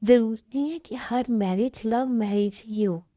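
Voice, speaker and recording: A woman voicing worried older brothers who calmly try to reason with their sister, in an amateur fan-dubbed story. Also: fairly high pitch, unhurried, no echo, clean studio sound, lightly acted. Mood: concerned. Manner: calm and persuasive.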